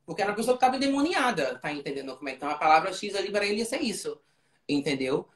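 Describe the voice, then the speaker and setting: Low-voiced woman telling a story. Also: big pitch swings, rapid-fire. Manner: tells it vividly, often checking in with "entendeu?"; frequent fillers and restarts. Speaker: interview guest. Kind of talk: casual storytelling in an interview. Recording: roomy echo.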